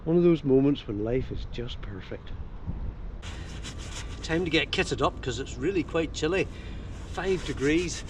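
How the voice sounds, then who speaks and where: Older male vlogger, Ulster accent, slightly high-pitched, easygoing explainer, recorded outdoors with clear background noise. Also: expressive, a little slow, pauses often. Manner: easygoing, explanatory, with homely dialect words. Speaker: kayaking vlogger. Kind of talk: casual chat to camera while out kayaking. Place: outdoors by a slipway and on the sea in a kayak.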